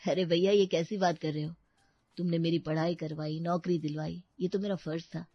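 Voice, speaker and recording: A humble young brother in a storybook cartoon, voiced by a woman, gentle and deferential. His voice has a gravelly edge. The recording is dry and dull. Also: fairly low pitch, fairly even intonation, normal speed, no echo, voice pushed down.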